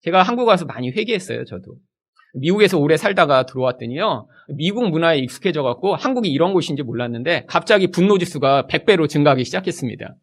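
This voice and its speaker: A middle-aged male pastor preaching in church with a high, lively voice. His pitch swings widely as he acts out the people in his stories. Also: fast talker. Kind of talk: sermon.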